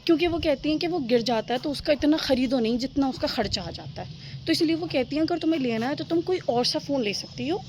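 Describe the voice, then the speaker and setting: A woman's voice: high-pitched, expressive, fast, darkish tone, a little hiss or hum. A young woman vlogging into her phone camera on a rooftop, chatty and rambling, often giggling. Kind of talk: casual chat to camera. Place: rooftop outdoors.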